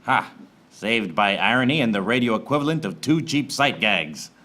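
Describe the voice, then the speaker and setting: This low-leaning male voice is expressive, pushed and bright, moving at a normal pace over slight background noise. He's performing a wisecracking, hapless detective who tells his own story in a live theater parody of film noir radio, wry and tense, joking with knowing self-awareness.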